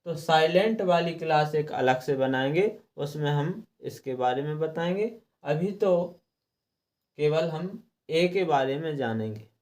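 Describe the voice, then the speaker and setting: A male teacher gives a slow, step-by-step lesson in a slightly high voice. He talks unhurriedly, repeats each rule several times and sounds out letters one at a time. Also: animated, a little mellow. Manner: clears throat now and then. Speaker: English reading teacher.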